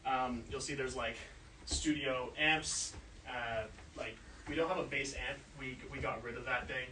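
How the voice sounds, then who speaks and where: A man's voice: mid-range voice, unhurried, bright, forceful tone, a little hiss or hum. A man showing people around a recording studio, explaining in a loose, rambling way full of filler words. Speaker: studio engineer giving a tour. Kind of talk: casual walkthrough explanation. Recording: roomy sound, mic at a distance.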